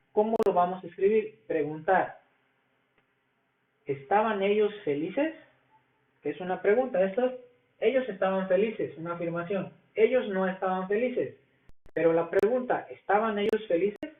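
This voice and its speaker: A man with a Mexican Spanish accent gives a recorded English grammar lesson, his voice sitting high for a man. He explains slowly, going over each point again and again. The sound is thin and phone-like, with a roomy echo. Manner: slow, repetitive explaining. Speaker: English teacher.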